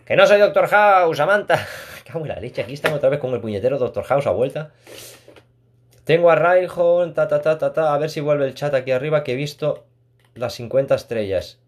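This man's voice is on the high side and animated, at a normal speed. He is chatting casually at home while streaming a mobile game, reading viewer messages aloud, addressing them warmly, and laughing often.

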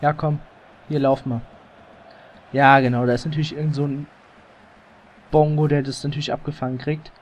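A man casually commentating his own football video game as he plays, excitable and quick to swear and groan at mistakes, through a slightly overdriven mic. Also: on the high side, highs cut off. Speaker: let's play gamer. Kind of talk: casual live gameplay commentary. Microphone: headset or desk mic, slightly overdriven.

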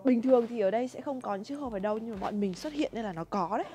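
A woman's voice: fairly high pitch, racing. A young woman hosting a vlog, casually explaining things to viewers in an indoor workroom. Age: young adult. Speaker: vlog host. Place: indoor fruit packing workroom. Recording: music behind workroom talk.

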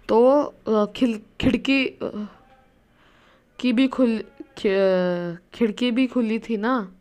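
A woman's voice: medium pitch, a little mellow. A woman telling a story in a casual way, often stopping to search for words.

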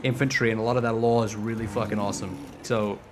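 Young male streamer, twenties, profane and excitable, casual stream commentary. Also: fairly low pitch, fast talker, background noise. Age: 20s.

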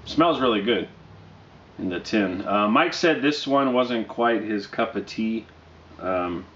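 A man in his thirties reviews a product casually in a fairly low voice. He is unhurried and low-key, often halting between phrases. The sound is dull and roomy, picked up by a camera mic indoors. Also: lively intonation, fairly bright tone, a little hiss or hum. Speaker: pipe tobacco reviewer. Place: small dim living room, indoors.

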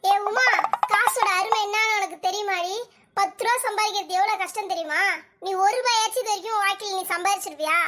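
A shrill, very high cartoon mother-in-law, voiced by a woman, scolding in fast nagging bursts. Her lines sit on top of loud background noise. She is bossy and mocking throughout.

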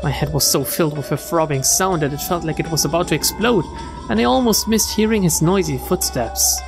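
A woman streamer reads visual novel text aloud, narrating expressively and following the story's inner thoughts. Her voice is low and a little fast, with game music playing behind it.

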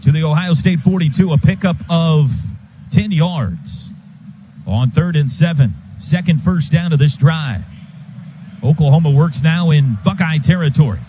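Loud stadium ambience fills the background as an American radio announcer calls a football game live. His voice is a little high and his pace a little slow, and he speaks in clipped phrases whose excitement rises as the play builds.

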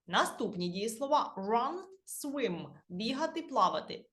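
A woman's voice: mid-range voice, a bit bright, roomy sound. A woman with a Ukrainian accent, an English teacher who explains grammar to beginners patiently, spelling out word endings letter by letter.

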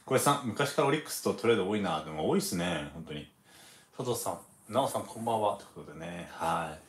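A man who is a former baseball pitcher hosts a relaxed livestream, chatting casually, reading viewer comments and laughing often. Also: fast talker, echoey room.

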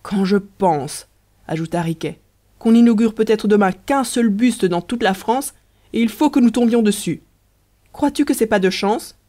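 A reader doing a tender rueful young lover, gentle plaintive delivery, mellow tone, audiobook. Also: mid-range voice, normal speed, pitched above the performer's own voice, natural voice. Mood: dépité.

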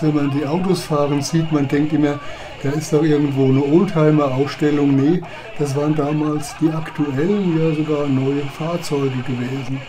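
This man narrates old home movies with casual, chatty commentary, reminiscing as background music plays. His voice runs on the high side, and there's noise in the background.

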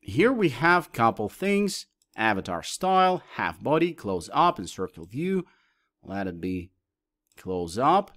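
A man presenting a software tutorial, explaining each option step by step as he clicks through it. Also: medium pitch. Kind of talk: screen-recorded tutorial walkthrough.

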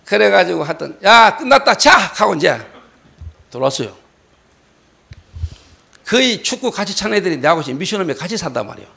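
Pastor guy, high voice swinging all over, acts out the yelling bits mid-sermon. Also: fairly quick, vocal fry, long pauses. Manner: animated storytelling, acting out shouted quotes. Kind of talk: sermon with personal story. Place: church hall.

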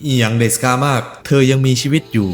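Over soft background music, a man hosts a reaction video at a fast clip, his medium-pitched voice steady. He talks in slang, cracks jokes on the side, and narrates at length in places.

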